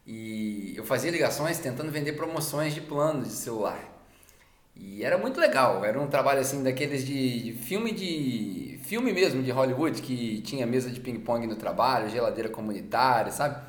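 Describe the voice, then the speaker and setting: A man's voice: medium pitch, lively intonation, moderate pace. A man from Brazil with a Brazilian Portuguese accent, hosting a podcast and telling personal stories casually. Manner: casual, conversational, acts out quoted dialogue. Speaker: podcast host. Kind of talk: reflective personal storytelling. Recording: roomy echo.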